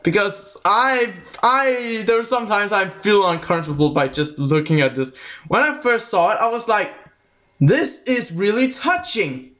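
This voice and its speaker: A man giving a casual spoken review of a video, halting and often restarting his sentences, with a voice that mixes American and British sounds. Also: sits high, expressive, sharp tone.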